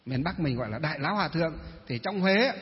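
A man's voice: a little high, lively intonation, fast. A male Buddhist monk with a Northern Vietnamese accent giving a dharma talk, posing rhetorical questions and answering them himself. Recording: reverberant hall, dull muffled sound.

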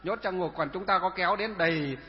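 A man's voice: high voice, brisk. A man, a Buddhist monk, giving a sermon who keeps asking rhetorical questions and answering them himself. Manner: repetitive, asks and answers own questions. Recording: dull lo-fi sound with long reverb.

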